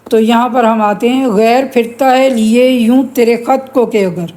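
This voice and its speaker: A middle-aged woman with a Pakistani Urdu accent teaching a poetry lesson to students, explaining patiently and reciting verses slowly. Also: fairly high pitch, warm tone.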